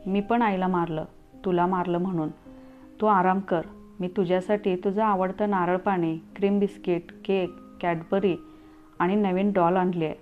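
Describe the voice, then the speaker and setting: A woman's voice: lowish voice, fairly even intonation, normal speed, lightly acted. Woman reading as a harsh bossy husband, scolding hard, tinny phone-ish sound with faint music. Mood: gentle. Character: angry stern husband, a young father.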